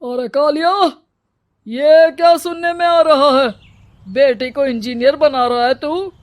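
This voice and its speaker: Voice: high voice, takes it slowly. A voice actor playing a domineering male village headman in a cartoon story, commanding and scornful.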